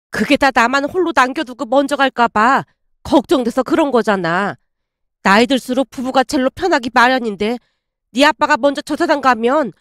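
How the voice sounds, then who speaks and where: Anxious, scolding middle-aged mother, voiced by a woman; high, dry read. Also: dry recording. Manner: nagging, worried.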